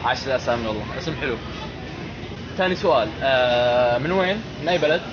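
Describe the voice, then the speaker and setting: A man's voice: medium pitch, lively intonation, quick pace, lo-fi sound. A teenage boy with a Levantine Arabic accent, chatting casually and playfully as a vlog host and interviewer. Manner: playful, repeats and comments on answers. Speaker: vlogger and interviewer. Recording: noisy public place with urban sounds.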